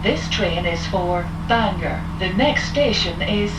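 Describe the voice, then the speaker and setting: A woman giving formal, evenly paced recorded train announcements, each after a chime, over a carriage loudspeaker. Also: mid-range voice, lively intonation, takes it slowly, over loud music. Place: inside a moving train carriage. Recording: distant, echoey, dull loudspeaker sound in a train carriage.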